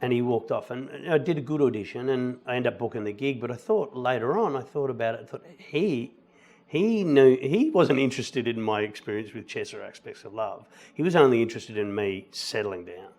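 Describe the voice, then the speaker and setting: A middle-aged musical theatre actor appears as a guest in a relaxed, casual interview, telling anecdotes in an easygoing, conversational way. He is an animated storyteller with a mid-range voice and a brisk pace, acting out quoted lines with little voices for the people he mentions.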